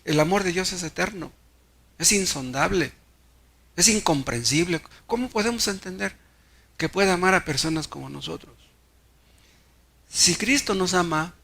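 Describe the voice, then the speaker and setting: A man's voice: high voice, vocal fry, pushed and bright. A Mexican pastor preaching a sermon, telling stories and asking the congregation rhetorical questions, often repeating words as he restarts.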